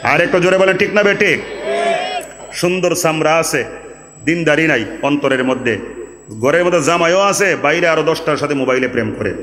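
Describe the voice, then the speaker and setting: A man from Bangladesh preaching to a large gathering in a raised, fairly high voice. He chants his quotations in a sing-song, climbs to ringing calls, then drops into low asides. The sound rings out with a long reverb. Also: normal speed, crowd noise. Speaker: Islamic preacher. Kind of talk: sermon at an open religious gathering.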